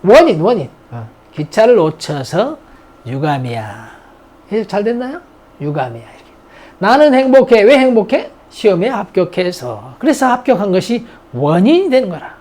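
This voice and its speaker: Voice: mid-range voice, very animated, a little mellow. A grammar teacher giving a vocabulary and grammar lecture, repeating words and asking and answering their own questions. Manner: mixes English words into slow explanations.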